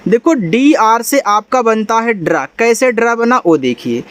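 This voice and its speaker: A man's voice: very high voice, lively intonation, unhurried, fairly bright tone. A young adult man teaching a lesson step by step, patiently repeating points and checking in with his listeners. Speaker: English teacher.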